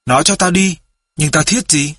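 A man's voice: a little high, normal speed, fairly bright tone, breathy edge, no echo. A man voicing a remorseful teenage runaway boy in an audiobook, confessing in a heartfelt way. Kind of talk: audiobook character voice.

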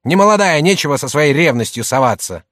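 Audiobook: man as a blustering middle-aged shopkeeper, gruff and bullying. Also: a little high, expressive, a little fast, fairly bright tone, dry recording, clean studio sound. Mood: angry. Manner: gruff, by turns placating and bullying.

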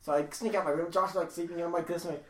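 A young man chatting with friends, telling a quick, chuckling story about a dream. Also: on the high side, fairly even intonation, fairly bright tone, recorded from a distance. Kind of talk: casual chat. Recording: echoey room, a bit off mic.

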